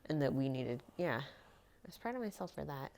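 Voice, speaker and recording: Young woman w a low voice that moves around a lot, thoughtful, just chatting. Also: sing-song, moderate pace, darkish tone. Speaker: podcast co-host. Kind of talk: casual chat with partner.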